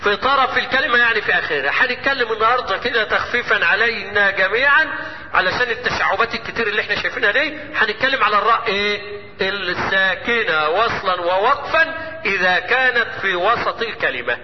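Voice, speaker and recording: A man with an Egyptian Arabic accent teaching Quran recitation rules, quizzing his students and answering his own questions, and chanting verses slowly. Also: high voice. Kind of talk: lesson. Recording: echoey hall, muffled lo-fi, faint hiss.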